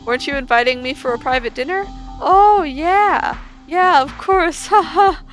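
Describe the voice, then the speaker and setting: A woman's voice: sits high, very fast, fairly bright tone, faint music behind. Woman doing an eager little slug cat. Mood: nervous. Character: small, eager slug cat looking for a mate.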